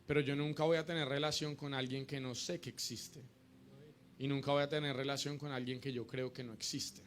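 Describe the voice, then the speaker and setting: A man's voice: medium pitch, little pitch movement, a little fast, a little hiss or hum. A middle-aged man preaching a sermon, teaching in short repeated phrases and calling the congregation to repeat after him.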